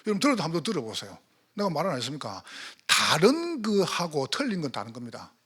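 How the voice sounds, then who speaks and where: A man's voice: fairly high pitch, huge pitch swings, fast talker, a bit bright, slightly rough. A male pastor with a Gyeongsang accent, preaching a sermon in church and firing rhetorical questions at the congregation. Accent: Gyeongsang Korean. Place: church sanctuary.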